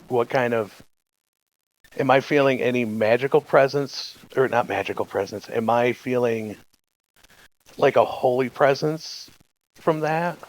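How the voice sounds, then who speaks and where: Gravelly man asking curious questions. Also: medium pitch, low-quality recording. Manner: casual, curious, asks lots of questions. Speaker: player. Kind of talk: casual tabletop game play.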